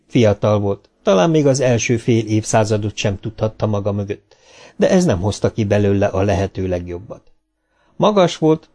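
Mellow-voiced male audiobook narrator. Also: fairly low pitch.

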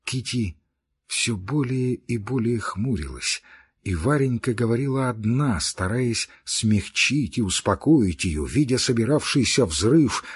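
A man narrating an audiobook classic in a steady, measured reading. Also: medium pitch, slightly rough.

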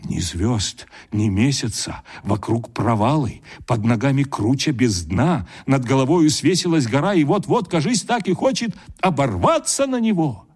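A male audiobook narrator reads a classic tale aloud in a husky voice. His delivery is lively, with wide swings in pitch. He builds suspense with well-timed pauses. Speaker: audiobook reader. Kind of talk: expressive literary narration.

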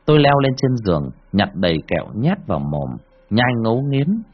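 A man narrating a first-person horror story in a dramatic, drawn-out way. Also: medium pitch, very animated, breathy edge. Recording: dull lo-fi recording.

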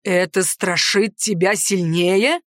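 A cold, arrogant male ruler, as a woman reads him, slow and menacing in a dry, close sound. His voice sits low and heavy with authority. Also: animated, dry recording, close to an everyday voice. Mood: stern.

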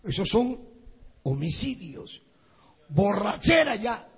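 A male pastor preaching an animated sermon in a raspy, gravelly voice, acting out scenes and breaking into shouts. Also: high voice, slow. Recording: echoey hall, dull lo-fi sound.

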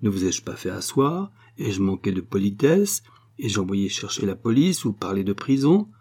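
A man's voice: fairly low pitch, sing-song, moderate pace, a little mellow, breathy edge, heavily acted. A man voicing a scheming foreign woman spy, brazen and wheedling. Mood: indignant.

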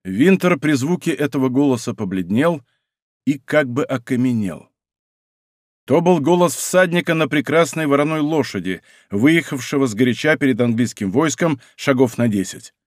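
A man's voice: medium pitch, normal speed, dry recording, clean studio sound. Man narrating an adventure audiobook. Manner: expressive, theatrical.

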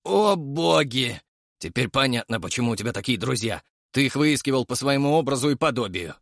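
A man voicing a calm, ironic grown man who speaks with dry humour. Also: medium pitch, brisk, dry recording, close to an everyday voice. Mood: exasperated.

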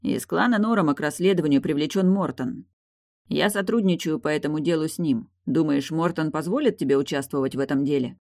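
A woman's voice: sits low, a little fast, darkish tone, dry recording, studio quality. A woman reading an audiobook, voicing a weary, curt male guard investigator who talks in a terse, defensive way.

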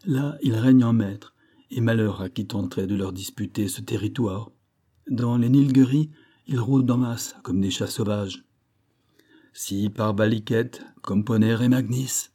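A man's voice: fairly low pitch, unhurried, mellow, slightly rough. A man reading an audiobook, voicing a pompous, lecturing middle-aged animal dealer who declaims in grand, wordy phrases. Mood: grandiloquent. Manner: grandiloquent, declamatory, fond of rare words.

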